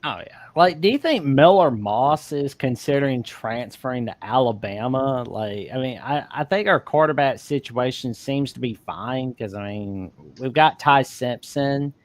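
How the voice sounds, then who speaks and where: A man's voice: medium pitch, measured pace, hardly any pauses, dry recording. A man co-hosting a casual sports chat over a video call, his audio glitching and cutting out as he talks loosely with many fillers. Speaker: co-host.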